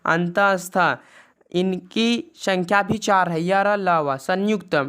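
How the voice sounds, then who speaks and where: A woman teacher reviews a grammar lesson. Her voice is smooth and clear at a middle pitch, and she spells out lists of letters one by one and says the rules twice. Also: fairly bright tone. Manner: recites letter lists slowly and repeats rules.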